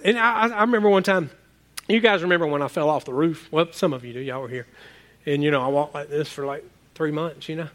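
A man with a high, light voice preaching to his congregation. He talks in a loose, conversational way, repeating words and tossing in quick asides. He speaks from a church. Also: a bit bright. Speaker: pastor. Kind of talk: sermon.

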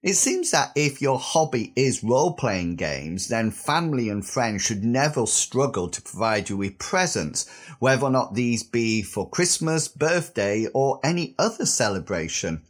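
A British man in his fifties with a slightly husky voice, recovering from a sore throat, hosting a podcast in a scripted style. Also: medium pitch, sing-song, a little slow. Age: 50s. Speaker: podcast host.

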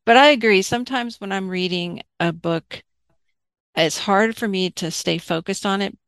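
A woman's voice: mid-range voice, moderate pace, a bit bright, smooth, no echo. A middle-aged woman hosting a casual interview, chatting expressively and acting out her own thoughts. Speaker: interviewer, host.

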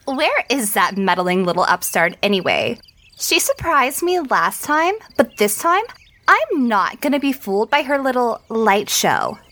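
Haughty high-pitched rival girl. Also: sing-song, a little slow, a bit bright. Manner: haughty, dismissive. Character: haughty teenage girl mage, snobbish and showy.

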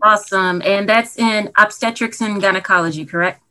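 A woman's voice: medium pitch, fairly even intonation, normal speed, bright, forceful tone. A woman hosting a podcast interview, chatty and playful, laughing often. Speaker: podcast host. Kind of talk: casual interview chat.

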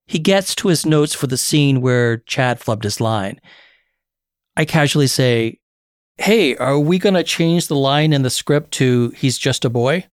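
A middle-aged actor narrating his own story in a measured, reflective way with a wry edge. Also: mid-range voice, no echo, clean studio sound. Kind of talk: scripted memoir narration.

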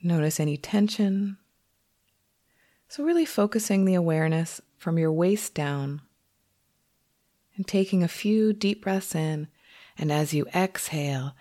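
A woman whose voice sits low leads a guided meditation as the teacher. She is expressive, yet speaks gently and without hurry, pausing for long stretches.

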